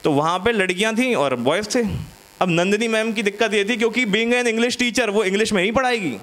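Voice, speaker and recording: A male stand-up comic with a notably high voice, spinning stories in a loose, chatty way. He keeps breaking off to banter with his audience on a small studio stage. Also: a little fast, fairly bright tone. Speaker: stand-up comedian. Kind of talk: stand-up comedy set.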